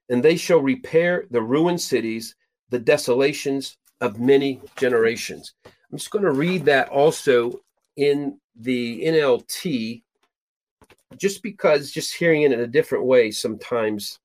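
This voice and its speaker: Emphatic middle-aged man teaching scripture. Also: a little mellow. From Peru. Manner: emphatic, building to stressed high points. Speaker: host and Bible teacher.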